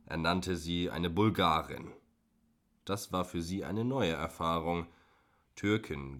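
Deep-voiced male audiobook narrator. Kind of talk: audiobook reading.

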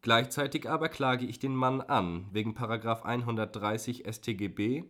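A man reading an audiobook, voicing a composed, sharp-witted female prosecutor who speaks precisely and with irony. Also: medium pitch, moderate pace, pitched above the performer's own voice, close to an everyday voice. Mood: accusing. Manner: precise, ironic.

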